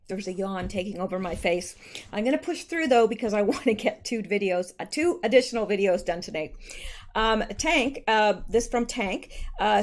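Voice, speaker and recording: A woman hosting her own channel, casually reading out posts and commenting on them in a loose, conversational way with frequent ums and self-corrections. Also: mid-range voice. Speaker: channel host.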